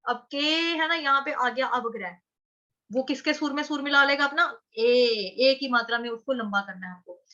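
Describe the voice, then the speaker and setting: Bright high-voiced teacher woman. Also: lo-fi sound. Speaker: Sanskrit recitation teacher for children. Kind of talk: online chanting lesson, explaining word by word.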